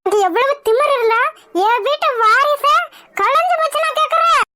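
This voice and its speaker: A woman voicing a proud, quick-tempered older mother-in-law in a cartoon, shrill and threatening. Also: bright, forceful tone. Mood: furious.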